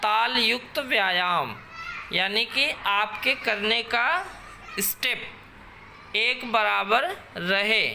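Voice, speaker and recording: Give me a slow, bright-voiced woman teacher calling out exercise counts. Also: mid-range voice, gravelly, a little hiss or hum. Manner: slow, patient instruction, counting out drill beats. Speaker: school teacher. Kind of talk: exercise lesson for children.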